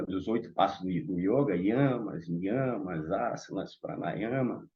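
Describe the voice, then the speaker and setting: A man with a Bahian Brazilian accent gives a reflective talk at a spiritual meeting, turning often to his listeners with asides. His voice sits at a middle pitch. The recording is dull and lo-fi. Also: a little mellow. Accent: Bahian Brazilian Portuguese. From Salvador, Bahia, Brazil. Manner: conversational, addresses the audience directly with many asides. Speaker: panel speaker at a Theosophical meeting.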